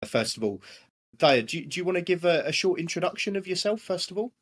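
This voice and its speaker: A man's voice: high-pitched, animated, fast, fairly bright tone. A man who hosts an interview, asking short questions and giving brief encouraging replies, with some stumbles.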